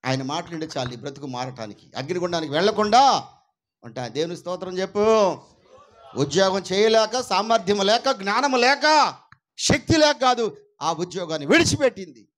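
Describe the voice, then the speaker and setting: A high-pitched male pastor delivers an emphatic sermon at a church prayer meeting. He swings from ringing cries to low, intense asides. His voice comes through a microphone and sound system. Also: lively intonation, moderate pace, a bit bright.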